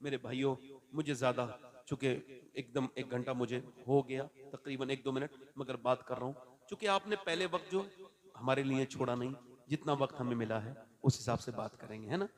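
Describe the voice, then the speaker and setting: A male preacher giving a sermon, moving from hushed storytelling to shouted calls and slow chanted verses. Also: mid-range voice, steady tone. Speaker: Islamic preacher.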